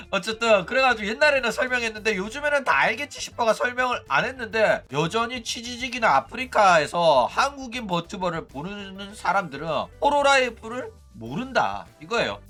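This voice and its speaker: Guy streamer ranting casually, high bright voice, very animated, bit of music in the back. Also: normal speed. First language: Korean. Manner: animated and chatty, with mocking asides and laughs. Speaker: streamer and commentary host. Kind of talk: casual livestream commentary.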